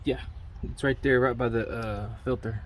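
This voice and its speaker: A man giving quiet, laid-back replies while working on a truck outdoors. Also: medium pitch, fairly even intonation, moderate pace. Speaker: brother helping on the truck. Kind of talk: casual chat while working.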